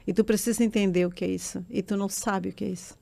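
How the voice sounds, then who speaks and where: A woman's voice: mid-range voice, fairly even intonation, fast talker, gravelly, warm tone. Emotional woman giving testimony. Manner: earnest, emotional storytelling that swells into tearful intensity.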